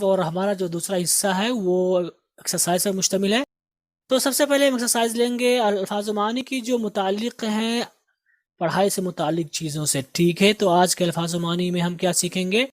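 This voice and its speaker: A man teaching English as a host of an online lesson, with an Indian Urdu accent, drilling vocabulary by repeating each word slowly. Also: high voice, no echo. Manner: drills words with slow repeated pronunciation. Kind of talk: recorded lesson.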